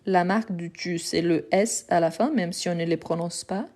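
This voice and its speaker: This woman's voice sits on the low side with a darkish tone, moving at an ordinary pace. A native Portuguese speaker, she leads a live French grammar lesson with patience and method, going over examples one step at a time.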